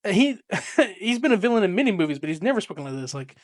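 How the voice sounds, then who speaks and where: A young man co-hosting a casual podcast, rambling excitably and swearing freely as he talks. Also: high-pitched, fast, no echo, clean studio sound. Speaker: podcast co-host. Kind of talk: casual chat.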